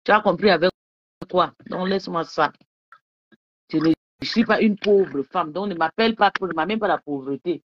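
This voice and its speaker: A woman's voice: on the low side, moderate pace, no room sound, lo-fi sound. A woman on a casual live stream from her bedroom, sipping wine as she boasts, taunts rivals and keeps asking her viewers if they understood. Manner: rambling with repeated questions to viewers. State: drinking wine while talking.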